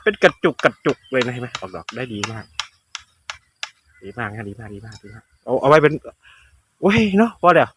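A man's voice: medium pitch, very animated, a little fast, pauses often, fairly bright tone. A man with an Isan accent, chatting to viewers as he walks through rice fields, recorded on a phone. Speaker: vlogger. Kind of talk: casual walking vlog. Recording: faint outdoor noise, insects.

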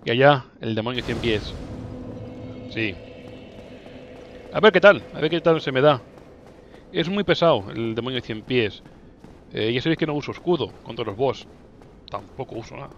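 A young man with a Spanish accent from Spain commentating his own gameplay, playful and excitable, teasing the enemies he fights with sudden yelps and laughs. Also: medium pitch, normal speed, long pauses, dull audio, slight background noise. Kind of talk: playful let's-play commentary.

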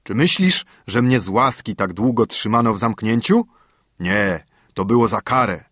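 A man's voice: on the low side, expressive, no room sound, clean studio sound. Man voicing a huge menacing spirit from a bottle. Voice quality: hollow, dreadful voice. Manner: slow, loud, haughty delivery. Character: huge menacing male spirit, haughty and threatening. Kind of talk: audiobook fairy-tale reading.

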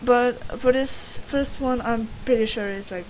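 A woman's voice: a little high, measured pace, a little mellow, slight background noise, poor audio. A young woman doing casual gameplay commentary in a rambling, sweary, self-deprecating way. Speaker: gaming video host. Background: game music.

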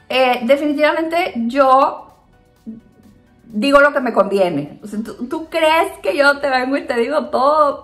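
A Mexican woman answering viewer questions in a casual chat to camera, animated and laughing often. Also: high voice. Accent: Mexican Spanish. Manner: chatty and animated, acts out voices in quotes.

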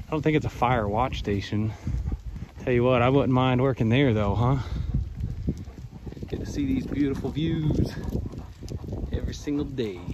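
This young adult vlogger has a mid-range voice and keeps things casual and upbeat while filming his road trip on a phone at arm's length, moving between his van and the outdoors on mountain roads. He's laid-back, says "freaking sick" a lot, and outdoor noise comes through the phone mic.

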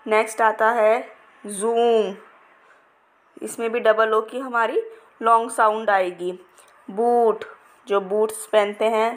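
A woman teacher explaining a phonics lesson to other teachers, stretching words out to demonstrate long and short vowel sounds in a patient, explanatory way. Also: fairly high pitch.

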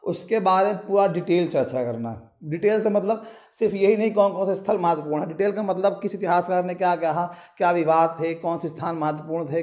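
Guy with a high voice going through a history syllabus, keeps asking and answering his own questions. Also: a little mellow. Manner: explains with rhetorical questions and repeated reminders to underline. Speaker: exam prep teacher. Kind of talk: syllabus walkthrough lecture.

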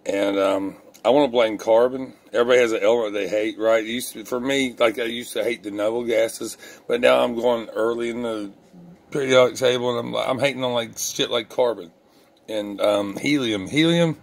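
A man's voice: mid-range voice, fairly even intonation, normal speed, creaky. A man talking casually to the camera about his hobby, rambling with lots of ums and restarts and poking fun at his own mistakes. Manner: self-deprecating and candid. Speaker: lock-picking hobbyist vlogger.

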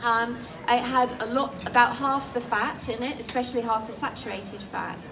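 A woman's voice: on the high side, steady tone, normal speed. An English woman and nutritionist giving a live cooking demonstration at an outdoor festival stall, chatty and explanatory with many ums and restarts. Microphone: filmed from the crowd by a far camera. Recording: distant voice through PA with outdoor noise.

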